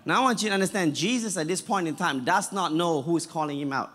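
A man preaching a dramatic sermon, telling the story with sudden shouts. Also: a little high, fast. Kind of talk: interpreted sermon. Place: church hall. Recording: long hall reverb.

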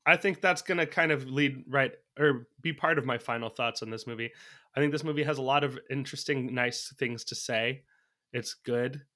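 A man's voice: mid-range voice, moderate pace, pushed and bright. A man chatting casually about a movie as a podcast co-host, thinking aloud from his notes and laughing often. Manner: laughs often while talking.

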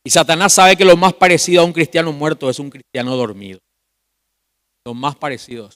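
Male pastor, youth sermon, somewhat high voice, sudden drops to a hush. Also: steady tone. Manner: addresses listeners as brother, asks rhetorical questions; swings from loud emphasis to quiet, drawn-out phrases.

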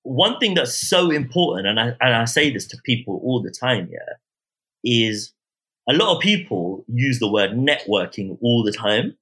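Bright-voiced south London man, slangy storyteller. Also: mid-range voice. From Croydon, south London, England. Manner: animated slangy storytelling with tag questions like innit and yeah. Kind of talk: casual anecdotal chat.

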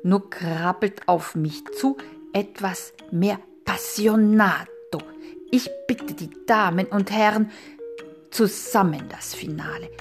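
This is a pompous male frog conductor from a storybook fable, put on by a woman reader. He lays out fussy instructions to his players in a slow, gravelly voice. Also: mid-range voice. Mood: urging. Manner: fussy, instructive orders to the orchestra.

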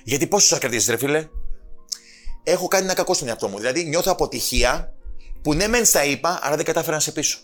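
A man's voice: a little high, animated, a bit bright, faint music behind. A man guest on a casual podcast, talking passionately and emphatically, swearing freely and quoting people in changed voices. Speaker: podcast guest, personal trainer and author.

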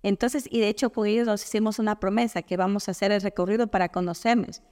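Una mujer de Ecuador, invitada en una entrevista informal, que cuenta anécdotas con animación y recrea diálogos. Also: female voice, mid-range voice, fast talker, in a large hall. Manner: animated storyteller, quotes others in dialogue. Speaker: guest. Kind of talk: casual conversational interview.

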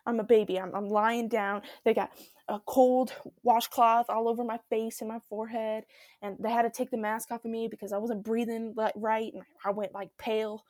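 A young woman hosting her own podcast, telling a dramatic story in a chatty, animated way while sick with strep throat. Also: fairly high pitch, normal speed, dry recording, studio quality. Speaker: podcast host. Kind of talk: casual solo storytelling.

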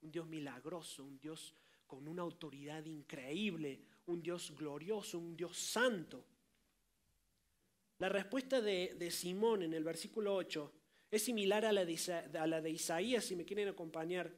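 A man's voice: a little high, moderate pace. A man preaching a sermon, speaking directly to his listeners and acting out scripture quotes with dramatic voices. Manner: colloquial asides, addresses listeners directly.

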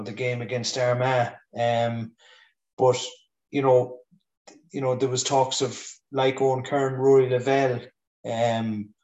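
A man with a west of Ireland accent talking sport casually as a pundit, halting and thinking aloud. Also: mid-range voice, darkish tone. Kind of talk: casual Gaelic football discussion. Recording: roomy echo, distant from mic.

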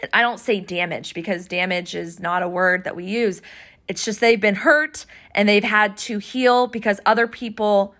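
A woman's voice: mid-range voice, fairly even intonation, normal speed, fairly bright tone. A woman hosting a podcast, talking earnestly about her past relationships in a reflective monologue, her voice emotional and near tears. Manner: earnest, emotional, wandering with many restarts. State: tearful, emotional voice. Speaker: podcast host.

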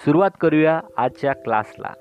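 A man's voice: fairly high pitch, lively intonation, a little fast, close to an everyday voice. A man doing a showy flirty chef teacher. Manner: showy, mixes English phrases, flirty. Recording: dull lo-fi sound with faint music.

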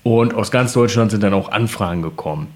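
Low-voiced man in casual chat. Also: fairly quick. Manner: hesitant, many fillers, acts out callers' voices.

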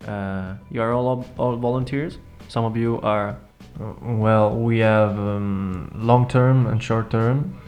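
A man's voice: lowish voice, steady tone, slow, hardly any pauses, darkish tone. Informal male radio host over faint music. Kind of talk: casual hosting chat.

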